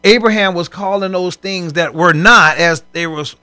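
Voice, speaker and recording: A man co-hosting a faith broadcast, preaching in animated conversation and acting out voices from scripture stories. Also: sits high, normal speed, clean tone, no echo, faint music behind.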